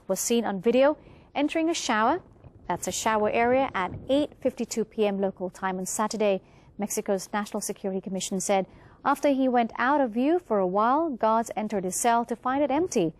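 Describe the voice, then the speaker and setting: Thai accent woman reading scripted news, mid pitched voice, news presenter style. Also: darkish tone.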